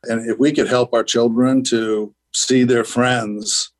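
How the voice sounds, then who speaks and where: Earnest older man, rambling gently. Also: mid-range voice, level tone, slow pace, rough recording. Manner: earnest, rambling, many "you know" fillers. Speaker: guest, school founder. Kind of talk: radio interview.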